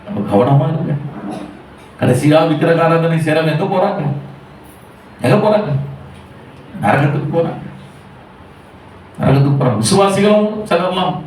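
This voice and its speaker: In an echoey church hall, recorded from afar with a faint hum, a male pastor delivers a Tamil Sunday sermon in a Tamil Nadu accent. His slightly high, darkish voice moves at normal speed with frequent pauses as he repeats rhetorical questions, urgent and pleading.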